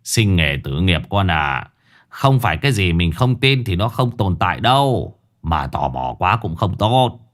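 A man voicing a gruff, blunt older village man who scolds and lectures. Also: low voice, sing-song, measured pace, pitched below the performer's own voice. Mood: gruff lecturing. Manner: rough, scolding, calls listeners "chúng mày".

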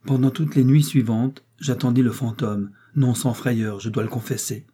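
A man narrating a novel in a slow, dramatic, carefully measured delivery. His voice is dark and mellow, with a husky, slightly veiled edge. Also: mid-range voice, fairly even intonation. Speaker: audiobook narrator.

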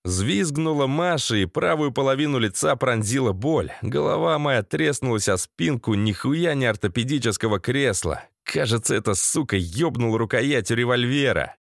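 A man's voice: mid-range voice, expressive, normal speed, creaky, few pauses. A man narrates a crude first-person action tale in a sardonic, swearing manner. His voice sits in a medium range. The recording is dry and close, with no echo. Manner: sardonic, profane. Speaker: audiobook narrator.

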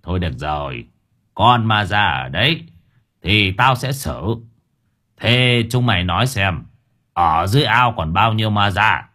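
A man's voice: lowish voice, animated, a little slow, bright, forceful tone. A man voicing a blunt, bossy old village exorcist. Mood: gruff. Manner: blunt, earthy, commanding.

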